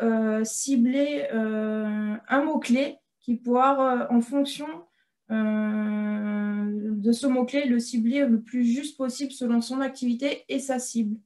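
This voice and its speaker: Hesitant higher-voiced woman presenter. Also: darkish tone. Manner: hesitant, frequent filler pauses. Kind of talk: online webinar presentation.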